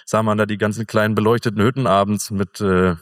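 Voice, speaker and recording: A middle-aged man as an interview guest, telling a travel story in a relaxed, rambling way with fillers. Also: fairly low pitch, quick pace, no room sound, clean studio sound, long reverb tail. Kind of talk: casual conversational storytelling.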